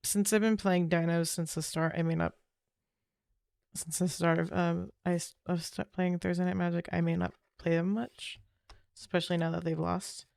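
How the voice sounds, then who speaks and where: A woman's voice: on the low side, flat delivery, normal speed, gravelly, darkish tone, no echo. A woman streamer chatting casually after a game, rambling, trailing off and correcting herself as she goes. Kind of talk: casual chat while gaming.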